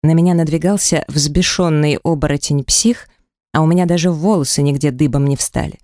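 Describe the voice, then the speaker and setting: A narrator reads a first-person audiobook in a measured, steady way. The voice is mid-pitched. It is recorded in a studio with a very dry, close sound. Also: no room sound.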